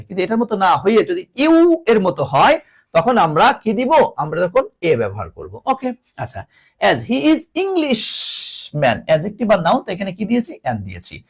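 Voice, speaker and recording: A man teaching an English grammar class, repeating each word and teasingly scolding his students. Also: sits high. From Bangladesh.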